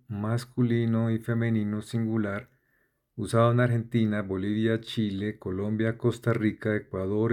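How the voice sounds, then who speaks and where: A man reading a vocabulary list aloud in a measured, deliberate way, spelling out letters and giving definitions. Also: on the low side, a little mellow. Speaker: vocabulary instructor. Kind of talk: slow dictionary-style reading of a word list.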